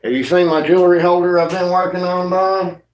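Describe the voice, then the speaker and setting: A man's voice: high voice, little pitch movement, fairly quick. Man with a thick Appalachian accent, echoey room. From Northeast Tennessee, USA. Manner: folksy, informal rural grammar. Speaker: livestream host and woodworking maker. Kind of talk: casual livestream chat. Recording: roomy, echoey indoor sound.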